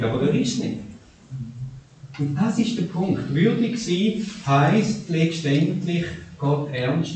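Preacher in an echoey hall. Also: male voice, high-pitched, slight background noise. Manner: animated, shifting between soft and raised. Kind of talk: sermon. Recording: echoey hall, distant mic.

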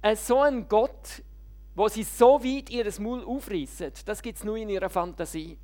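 A woman's voice: medium pitch, measured pace, dark tone, close to an everyday voice. A woman preacher quoting an old pastor who firmly answers a heckler. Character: quick-witted old male pastor.

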